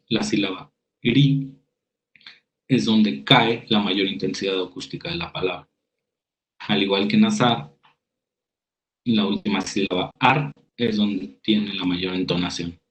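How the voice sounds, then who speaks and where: A writing workshop instructor with a Mexican Spanish accent and a fairly low voice lectures over slides about spelling rules. In a steady teaching manner he reads definitions, works through examples, and often restarts phrases. The recording quality is low.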